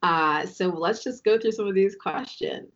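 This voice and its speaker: A woman's voice: medium pitch, measured pace, dull audio. A woman from Maryland, a podcast guest chatting casually and thinking aloud with lots of fillers. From Maryland, USA. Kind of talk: casual chat.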